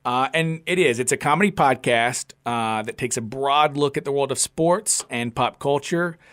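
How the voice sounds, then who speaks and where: A man's voice: mid-range voice, moderate pace, fairly bright tone. A man co-hosting a casual podcast, easygoing, explaining the show with some hesitant fillers. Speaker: podcast co-host. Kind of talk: casual chat.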